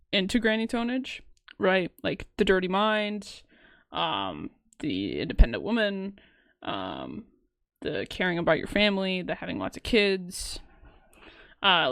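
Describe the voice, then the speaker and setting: Young woman, podcast co-host, casual rambling chat, mid pitch, dry close sound. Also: gravelly, fairly bright tone, no room sound. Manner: rambling, lots of fillers and restarts.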